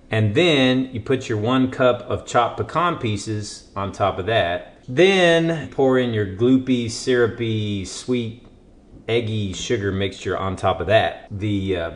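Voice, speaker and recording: A man with a Texan accent, a guest on a cooking show, walking through a recipe in a relaxed, easygoing way. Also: on the low side. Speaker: singer-songwriter guest.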